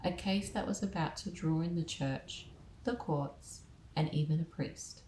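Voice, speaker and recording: Low, mellow woman narrating in a roomy space. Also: a little slow, slight background noise. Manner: dramatic storytelling with casual asides. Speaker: podcast host. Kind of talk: scripted true-crime narration. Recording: roomy echo.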